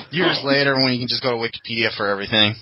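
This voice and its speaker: A man's voice: mid-range voice, fast talker, dry recording, highs cut off. A man hosting a casual podcast chat, talking loosely and laughing often. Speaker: podcast host.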